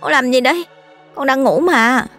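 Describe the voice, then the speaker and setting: A woman's voice: high-pitched, moderate pace, a bit bright, soft background music, voice pushed up. A woman reading a story and voicing a stubborn little boy in a whiny, pleading child's voice. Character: small boy, sulky and stubborn.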